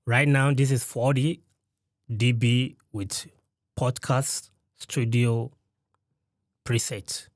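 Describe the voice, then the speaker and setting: A man's voice: medium pitch, fairly even intonation, slow pace, long pauses, no echo. Man demoing a studio mic, dry sound. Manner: explanatory, walks through settings step by step. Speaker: gear reviewer. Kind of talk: mic test demonstration. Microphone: studio condenser mic close up.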